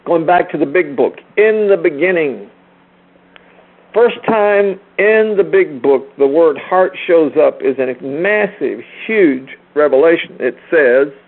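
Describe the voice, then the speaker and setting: A man's voice: on the high side, animated, takes it slowly, phone-quality sound. A man giving a sermon-like spiritual lecture, emphatic and rhetorical, repeating phrases and addressing his listeners directly. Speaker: speaker teaching a group.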